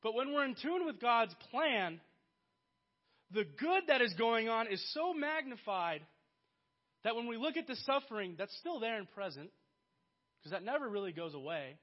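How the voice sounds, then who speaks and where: High-voiced guy preaching, earnest, gets loud then goes quiet, kinda dull lo-fi sound. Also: sing-song, normal speed, pauses often. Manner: earnest, builds to emphatic peaks then drops soft. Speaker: pastor. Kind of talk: sermon.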